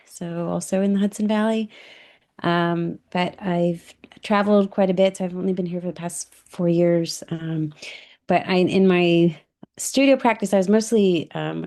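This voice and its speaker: A woman's voice: fairly low pitch, warm tone. A woman art teacher from New York introducing herself on a video call, hesitant with many ums. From New York, United States.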